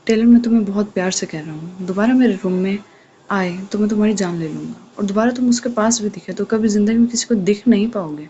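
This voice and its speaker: A woman's voice: medium pitch, warm tone, close to an everyday voice. A woman voicing a cold, domineering young mafia man who speaks bluntly and with threats, on a dull lo-fi recording with faint hiss. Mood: menacing.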